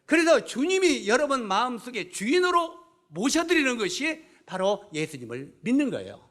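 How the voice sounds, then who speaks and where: High, lively preacher. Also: male voice. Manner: asks the congregation questions and answers them himself. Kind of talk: sermon.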